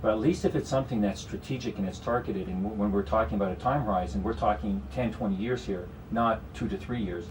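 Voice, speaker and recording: In a radio studio conversation, a Canadian-accented guest strategist explains investments in long runs peppered with "you know." His voice is on the low side and a little mellow, captured far from the mic on a low-quality recording with slight background noise.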